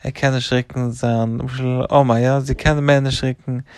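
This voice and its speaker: A man's voice: mid-range voice, level tone, moderate pace, clear, resonant tone, no room sound, studio quality. A middle-aged man, a rabbi, patiently explaining to a child and listing things with devout, repeated thanks.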